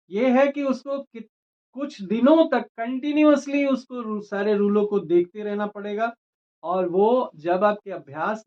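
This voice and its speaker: Guy teaching grammar real slow, spells stuff out letter by letter, muffled lo-fi audio. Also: high-pitched. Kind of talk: explaining a grammar lesson. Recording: dull lo-fi recording.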